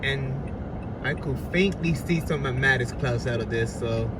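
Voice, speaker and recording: A man's voice: mid-range voice, moderate pace. A man narrating a casual storm-chasing vlog, reporting on what he sees around him as he goes. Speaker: storm chaser and vlogger. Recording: loud wind and road noise. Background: wind and vehicle noise.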